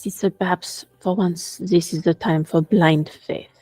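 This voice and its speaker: A woman's voice: fairly low pitch, fairly even intonation, a little slow, warm tone, husky, no echo, soft background music. A woman playing a tabletop role-playing game, casually talking through her character's choices.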